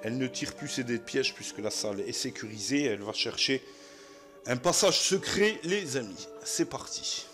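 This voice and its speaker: A man's voice: medium pitch, lively intonation, moderate pace, over music. A man with a southwest French accent, narrating a solo board game in a chatty way, full of fillers. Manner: chatty, many fillers, addresses viewers as friends.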